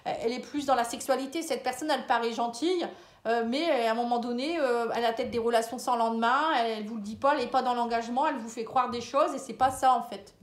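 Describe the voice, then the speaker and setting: High-voiced woman reading tarot, echoey room. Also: quick pace. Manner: hesitant, full of fillers and tag words; speaks directly and familiarly to the viewer. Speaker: astrology and tarot reader. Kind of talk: casual spoken card reading to viewers.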